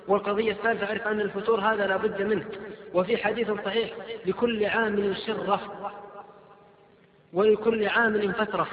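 A man preaching to an audience, reading out questions and answering firmly in numbered points. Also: high-pitched. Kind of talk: religious lecture Q&A. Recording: tinny, echoey hall recording with crowd.

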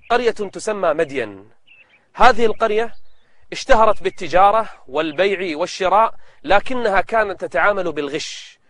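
A man with a distinctly high-pitched voice tells religious stories in formal standard Arabic. He speaks as a preacher and programme presenter, explaining the tales to his audience in a storytelling sermon style. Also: a bit bright, no echo. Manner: preacherly, explains between slow melodic recitations of scripture.

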